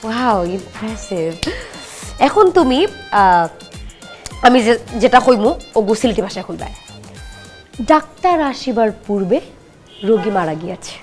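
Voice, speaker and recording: A young woman acting a teasing, sharp-tongued girlfriend in a comedy sketch. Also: medium pitch, expressive, measured pace, pauses often. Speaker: comic actress playing a girlfriend. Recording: faint background music.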